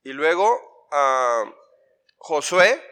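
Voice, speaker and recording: A man's voice: a little high, big pitch swings, extremely slow, bright, forceful tone, smooth. A man, a pastor leading an interactive Bible workshop in church. He talks playfully and drills the listeners with repeated lists and questions. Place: church before a congregation.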